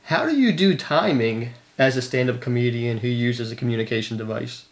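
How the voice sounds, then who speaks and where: A man asks short, plain interview questions from off camera. His voice sits at an everyday middle pitch. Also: expressive, fairly quick.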